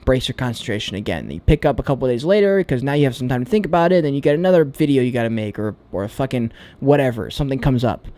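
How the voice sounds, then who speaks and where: A man's voice: medium pitch, lively intonation, very fast, few pauses, mellow. A man vlogging a candid, reflective monologue about himself. He talks in a searching, hesitant way and swears freely.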